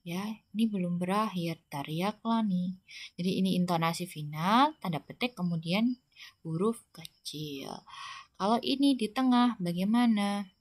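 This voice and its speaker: A woman's voice: lowish voice, measured pace, dry recording. A woman teacher, giving a classroom lesson and explaining patiently step by step.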